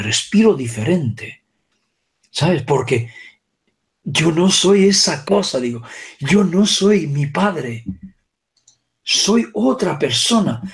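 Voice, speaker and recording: A man's voice: a little high, vocal fry. A man teaching a spiritual session, speaking emphatically and often checking that his listeners follow.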